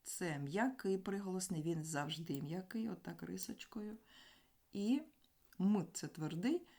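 Woman, teacher, slow deliberate explaining, sounds out letters, lowish voice. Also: gravelly, a little mellow. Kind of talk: school grammar lesson.

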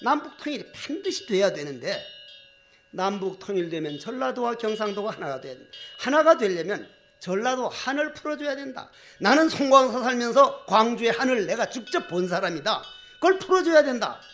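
A Buddhist monk. He talks in a folksy, animated way and keeps throwing rhetorical questions at them. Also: very high voice, a little fast, slight background noise. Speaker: Buddhist monk giving a dharma talk. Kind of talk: sermon.

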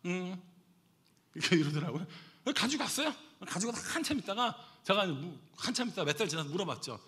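A pastor in middle age delivers an animated sermon, his voice slightly high and very bright. He swings from loud, excited bursts to hushed, slow asides as he tells the story.

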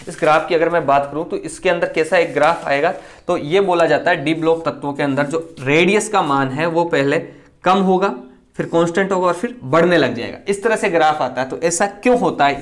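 A man teaching a chemistry lecture online, speaking quickly and explaining step by step, often asking a question and then answering it himself. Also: a little high.

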